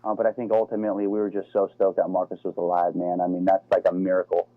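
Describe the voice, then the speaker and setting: His voice sits low and monotone, moving at a quick pace over a tinny, dry phone line. He's a middle-aged former Navy SEAL from the United States, a guest talking casually and calling the host "man" and "dude."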